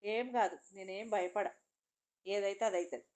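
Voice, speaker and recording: A woman with a mid-range voice plays a brave, selfless young girl, sounding resolute. She speaks at a moderate pace with fairly even intonation and a slightly mellow quality, close to how she'd talk every day.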